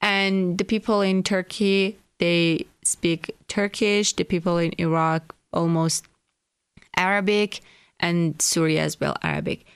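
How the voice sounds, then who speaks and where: A young woman from Iranian Kurdistan, a native Kurdish speaker with a Kurdish accent, answers an interview as a guest, hesitating and searching for words. Her lowish voice is smooth and steady, at a measured pace, recorded with no echo.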